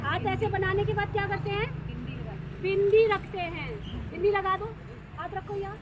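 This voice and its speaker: A woman spiritual teacher leading a class outdoors without a microphone, instructive, constantly quizzing the group and urging them to answer louder. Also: extremely high pitch, steady tone, normal speed. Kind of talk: spiritual class with call-and-response. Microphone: no microphone, speaking unamplified. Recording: distant voice with loud outdoor noise.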